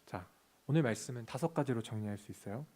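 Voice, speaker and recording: A man's voice: mid-range voice, expressive, fast talker, mellow. Male pastor, church sanctuary sermon, asks and answers his own questions, reads scripture passages.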